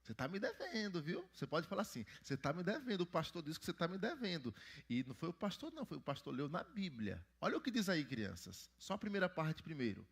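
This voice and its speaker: Man teaching a lively church Bible lesson. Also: fairly high pitch, fast talker, husky. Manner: asks the children questions and prompts answers. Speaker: pastor teaching Sunday school.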